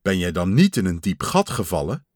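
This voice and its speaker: Fretful storybook toad, loud worried cries, dry close sound, a man reading it. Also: low-pitched, big pitch swings, moderate pace, no echo, voice pushed down. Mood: relieved. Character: anxious caring male toad.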